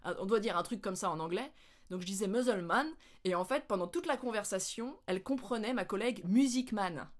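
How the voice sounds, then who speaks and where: A French woman vlogging, telling anecdotes in a casual, animated way with lots of laughter. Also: medium pitch, quick pace. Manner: animated, laughing, with playful English mimicry. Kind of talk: casual storytelling.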